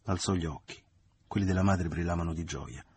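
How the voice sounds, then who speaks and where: A man narrating a novel in a measured literary reading. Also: deep voice, a little mellow, a little hiss or hum. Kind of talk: audiobook reading.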